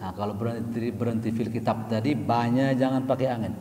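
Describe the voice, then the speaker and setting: A man teaching Quran recitation rules, chanting verses slowly and then explaining in quick bursts. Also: mid-range voice, fairly even intonation, mellow. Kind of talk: tajwid lesson, chanting verses and correcting. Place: mosque hall. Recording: echoey mosque hall.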